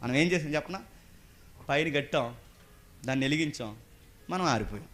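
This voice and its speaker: Male preacher, East Godavari Telugu accent, bright voice pitched a little high, questioning sermon delivery. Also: lively intonation, a little fast. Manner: preaching with rhetorical questions to the congregation.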